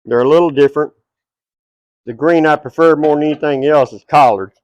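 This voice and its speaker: A middle-aged man with a Texas twang hosts a cooking show at an outdoor backyard table, chatting straight to his viewers. His voice is on the high side and brisk, and the recording is dry and lo-fi.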